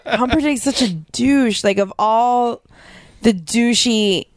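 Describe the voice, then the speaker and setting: A woman's voice: fairly high pitch, slow, no echo. A young woman in casual podcast chat, chatty with many ums and likes.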